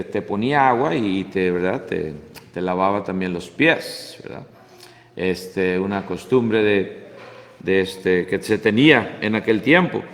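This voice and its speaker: A man teaching a Bible class in a church hall, talking conversationally and dropping in English tags. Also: mid-range voice. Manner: conversational, mixing in English tags, frequent "¿verdad?".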